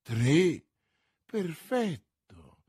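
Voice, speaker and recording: A man reading aloud and voicing a bold, eager young Gascon guardsman, with a husky voice. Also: fairly high pitch, sing-song, extremely slow, a little mellow, no echo, clean studio sound, heavily acted.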